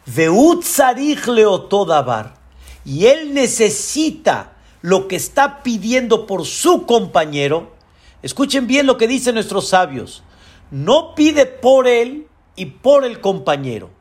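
Slow-preaching man, high voice. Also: breathy edge. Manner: slow, earnest preaching with Hebrew terms. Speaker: rabbi. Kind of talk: sermon.

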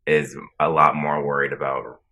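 Podcast guest: man, extremely deep buzzy fry voice, monotone, bright edge, chatty. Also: moderate pace. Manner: chatty, many filler likes. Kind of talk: casual chat.

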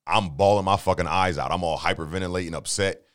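Deep-voiced man telling stories, profane and rambling. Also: fast, a bit bright. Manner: rambling, profane, lots of "like" and "you know what I'm saying". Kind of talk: casual storytelling chat.

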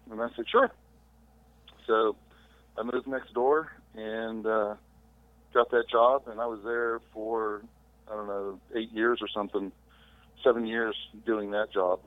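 A man's voice: on the low side, slow, pauses often, no echo. Middle-aged man on a tinny call. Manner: relaxed, rambling recollection with fillers. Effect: heard over a remote phone call. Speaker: podcast guest. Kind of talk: casual interview storytelling. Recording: tinny dry phone-line audio.

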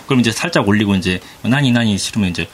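A man's voice: lowish voice, expressive, fast talker, slight background noise. A man in his thirties chatting casually on a gaming podcast, rambling with fillers and restarts. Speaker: podcast panelist. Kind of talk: casual chat.

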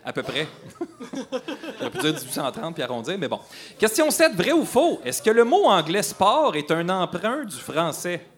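A man's voice: high-pitched, very animated, moderate pace. A man with a Quebec French accent hosting a playful quiz on air, teasing and laughing between questions. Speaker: radio quiz host.

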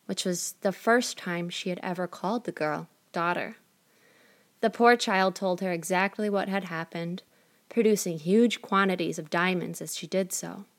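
A woman reading a fairy tale aloud in a slow, calm storybook manner. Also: lowish voice. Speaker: narrator.

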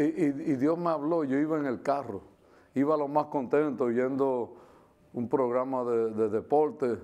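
A middle-aged man preaching in a relaxed, storytelling way, often checking in with his listeners through quick tag questions. His voice is warm and mellow, sitting at an ordinary pitch for a man. He drops English phrases into his talk now and then. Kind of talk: sermon with personal testimony.

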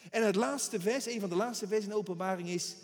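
A man's voice: sits high, brisk, a little mellow, long reverb tail. A man preaching a sermon with emphasis, repeating words for effect.

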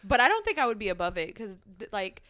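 A woman's voice: mid-range voice, very animated, fast talker, pushed and bright. A woman co-hosting a podcast in casual chat, talking in a chatty, sarcastic way full of fillers. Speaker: podcast co-host.

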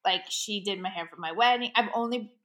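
A woman in her forties co-hosting a podcast, telling animated stories with frequent laughs. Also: medium pitch, fairly quick. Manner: animated storyteller, laughs often. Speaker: podcast co-host. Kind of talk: casual chat.

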